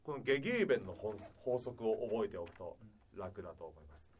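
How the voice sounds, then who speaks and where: A man's voice: fairly low pitch, a little hiss or hum. A man teaching a choir how to pronounce sung German, demonstrating vowels by singing them out. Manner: lively, demonstrates sounds by singing and drawn-out vowels. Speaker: choir or vocal coach. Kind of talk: singing lesson on German diction.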